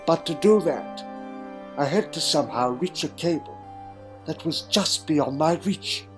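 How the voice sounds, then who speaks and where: A man's voice: fairly high pitch, animated, music in the background. A man playing an eccentric, wry Time Lord adventurer, delivering a theatrical, brooding monologue in a fan audio drama. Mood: tense, storytelling. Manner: theatrical, brooding, with dramatic pauses and sudden exclamations.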